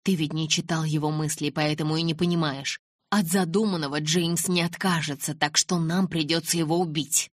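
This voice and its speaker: A woman's voice: low voice, fairly even intonation, normal speed, no echo, studio quality. A woman voicing a cold, commanding young man who snaps and barks orders, in a storybook reading. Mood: tense. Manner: curt, snapping, barking.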